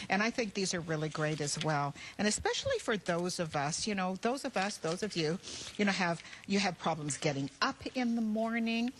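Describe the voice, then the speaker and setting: A woman's voice: on the low side, slight background noise. A woman presenting live on a shopping channel as host, chatting and selling effusively and often repeating her words.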